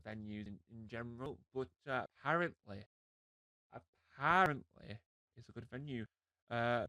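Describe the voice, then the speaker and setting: A man's voice: mid-range voice, a bit bright, no echo, clean studio sound. A man chatting casually on a live stream, rambling and joking, breaking off his own sentences. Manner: chatty, self-interrupting, jokey.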